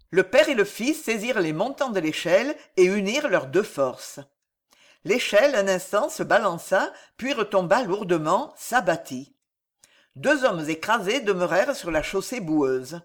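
An audiobook narrator reads a historical adventure with dramatic, rhythmic phrasing. The pitch moves in a lively way through each sentence. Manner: expressive, rhythmic reading.

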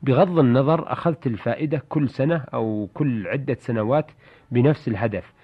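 A man's voice: medium pitch, fairly quick, slightly rough. A man hosting a radio programme, courteously reading out listeners' questions in formal Standard Arabic. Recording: dull lo-fi radio recording.

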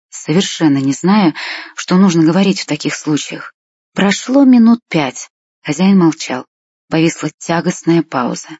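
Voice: mid-range voice, darkish tone, breathy edge, no echo. A reader narrating a first-person story in a plain, wry, confiding way. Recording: dull lo-fi dry recording.

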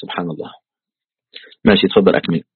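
A man with an Egyptian Arabic accent gives an online tafsir lesson in a low, steady, slightly rough voice, speaking very fast with no echo. He explains the religious text in everyday colloquial speech with examples from daily life, heard through a computer call mic with tinny audio.

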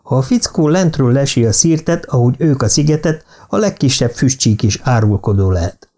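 A man narrating a thriller novel as an audiobook in a steady, even reading. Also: medium pitch.

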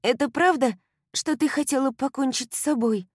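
A loud, excitable young woman, as a female reader puts her on, her voice jumping far above the narrator's. She exclaims breathlessly, close and dry, with no room around her. Think storybook best friend, all gush and insistence. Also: high voice, moderate pace, slightly rough, no room sound, voice pushed up. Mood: earnest. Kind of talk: audiobook character voice.

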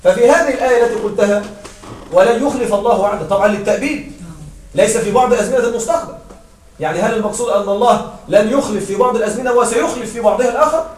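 A man with a high-sitting voice races through an Arabic grammar lesson for a class, frequently stopping to ask questions and make sure his students follow. The recording is echoey and from far off.

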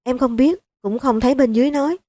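A woman voicing a cautious young male police subordinate who speaks quietly and deferentially, in an audiobook reading. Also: sits high, fast talker, no echo, pitched above the performer's own voice.

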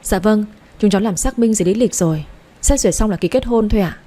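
A woman's voice: mid-range voice, fast, mellow, lightly acted. A woman voicing a timid young heroine who speaks politely and pleads anxiously. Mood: pleading.

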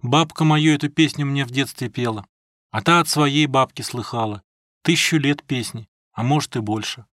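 A woman's voice: a bass voice, normal speed, fairly bright tone, no echo, studio quality. A man reading an audiobook, voicing a drunk, bitter old village woman who scolds and rambles. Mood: scolding.

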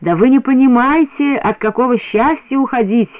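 A man's voice: very high voice, animated, no room sound, pitched above the performer's own voice. Pompous foreign bell master, as a man puts him on. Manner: slow, careful, broken speech. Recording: dry, narrow radio sound.

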